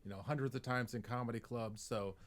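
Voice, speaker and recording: A man's voice: mid-range voice, steady tone, brisk. A man, a comedian, telling a story on a podcast, acting out the voices of people he quotes and chuckling as he goes. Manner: chuckles through his story.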